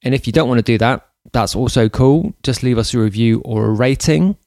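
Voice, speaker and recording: Man, podcast host, easygoing rambling chat, dead dry studio sound, mid-pitched. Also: a little fast, no room sound. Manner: relaxed, rambling with fillers.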